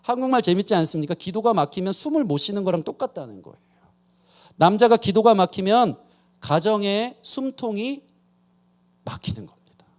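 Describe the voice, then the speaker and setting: Lively Korean pastor, animated sermon. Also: male voice, sits high, brisk. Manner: animated storytelling with self-deprecating humor. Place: church sanctuary.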